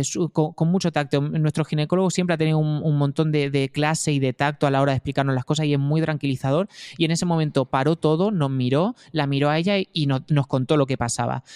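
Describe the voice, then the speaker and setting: A man's voice: on the high side, darkish tone, clear, resonant tone, no echo, clean studio sound. A man from Spain, a new father, telling his story in an earnest, detailed way with many hesitations. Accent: Spain Spanish. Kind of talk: casual storytelling.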